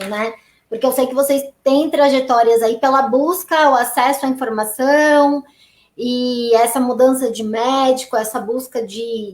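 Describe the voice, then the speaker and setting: A Brazilian woman hosting a live video chat, guiding the talk calmly as moderator. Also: on the high side, reverberant. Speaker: host.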